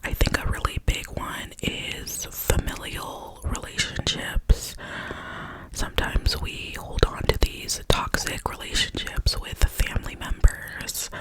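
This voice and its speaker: A young adult gives a gentle, confiding pep talk of positive affirmations in a clicky ASMR whisper. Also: rough recording. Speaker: ASMR creator.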